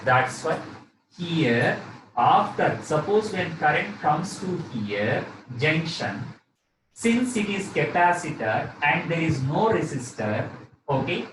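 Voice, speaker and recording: Male teacher, South Indian accent, live lesson delivery with repeated phrases; roomy, noisy recording. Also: on the high side. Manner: repeats phrases, often tags with "okay". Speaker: physics teacher. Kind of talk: live lesson, working through problems and questioning a student. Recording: roomy echo, distant mic, noisy background.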